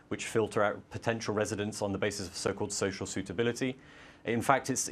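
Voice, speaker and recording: A male author arguing his case as a debate guest, measured, with frequent hesitations. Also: on the low side, a little hiss or hum. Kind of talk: studio debate.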